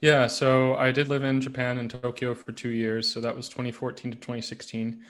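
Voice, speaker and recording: A man from the United States, a podcast guest, telling his story in a relaxed, rambling way. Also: medium pitch, brisk. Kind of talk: casual interview conversation.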